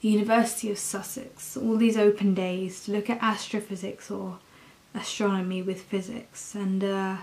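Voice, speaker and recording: A young adult woman with an English accent, talking casually and candidly in a halting, confessional vlog style. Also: medium pitch, level tone, darkish tone, low-quality recording. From England. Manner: slow, halting, candid, with frequent swearing. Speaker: university student vlogger.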